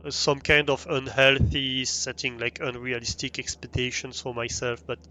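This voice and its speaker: A man's voice: medium pitch, little pitch movement, normal speed, pushed and bright, a little hiss or hum. A young man with a French accent, streaming a game live and chatting with viewers, hesitant with many fillers and restarts. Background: faint music.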